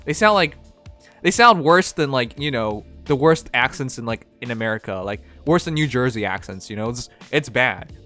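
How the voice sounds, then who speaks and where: A Canadian man whose first language isn't English hosts a livestream with a slight Chinese accent, reading chat messages aloud in a rambling, blunt, profane way. His mid-range voice is expressive, pushed, and bright, moving at a moderate pace over faint background music.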